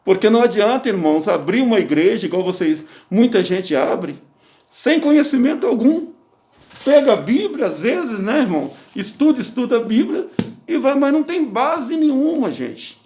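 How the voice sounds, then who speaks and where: A man's voice: very high voice, sing-song, normal speed, a little mellow. A Brazilian man teaching as a pastor on a livestream, exhorting listeners with frequent check-in questions, his voice slightly muffled by a face mask. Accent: Brazilian Portuguese. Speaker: pastor teaching a course for church leaders. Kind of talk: informal sermon-like teaching on a livestream. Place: his office, indoors.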